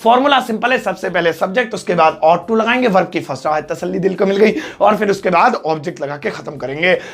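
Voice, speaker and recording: A man teaching English grammar in a classroom, explaining with a joking, lively manner and acted examples. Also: high voice, fast talker, creaky. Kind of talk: classroom lesson.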